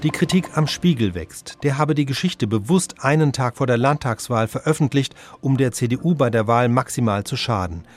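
A man's voice: mid-range voice, lively intonation, normal speed, few pauses. Male news presenter over faint music. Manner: formal, announcing. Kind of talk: scripted news narration. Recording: archival radio broadcast with faint music.

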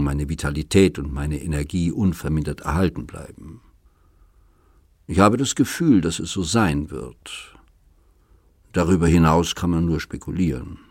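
Guy reading lonely chatty old man in his late seventies pleading his case, deep husky voice, dry audiobook sound. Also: a little mellow, dry recording. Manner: earnest, long-winded pleading.

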